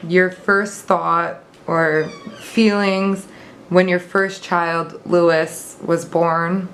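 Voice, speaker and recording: A young woman conducts a casual family interview, asking questions in a fairly low voice. There is faint noise behind her. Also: little pitch movement, drawn-out words, a bit bright. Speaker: interviewer, granddaughter.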